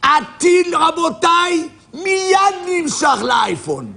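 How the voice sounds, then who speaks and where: A middle-aged man preaching a fiery sermon to a crowd, lurching from low mutters to sudden shouted outbursts in a gravelly voice. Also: very animated. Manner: shouting, swinging from low mutters to high yells. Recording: echoey hall with loud music over it.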